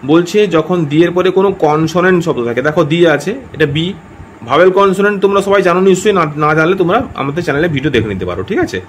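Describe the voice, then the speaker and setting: Speaking in a somewhat high, animated voice at a rapid-fire pace, this man explains grammar over a faint hiss or hum. Frequent check-ins with his audience punctuate the lesson, and he says things again while fixing how he put them.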